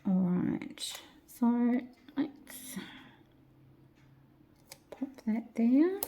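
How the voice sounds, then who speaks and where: A woman hosting a craft tutorial, chatting to herself as she works and often dropping into soft whispers. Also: on the high side, lively intonation, extremely slow, slight background noise. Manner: chatty, talks to herself while working, drops into soft whispers. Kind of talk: casual craft tutorial narration.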